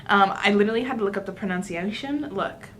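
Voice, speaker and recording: A woman's voice: medium pitch, fast talker, a bit bright, a little hiss or hum. A woman hosting a mukbang, chatting casually to viewers between bites of food. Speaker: mukbang host. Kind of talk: casual eating-show chat.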